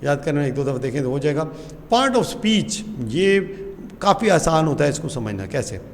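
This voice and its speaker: A man's voice: on the high side, big pitch swings. Man teaching grammar in a roomy hall. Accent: Pakistani Urdu. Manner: asks the class questions and answers them himself; reads English sentences slowly. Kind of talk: classroom grammar lesson. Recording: roomy hall reverb with faint noise.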